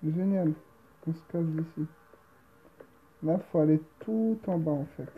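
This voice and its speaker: A woman's voice: deep voice, unhurried, husky, phone-quality sound. A woman giving casual, slangy gameplay commentary as a gamer host, grumbling at the game. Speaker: gamer host presenting horror games.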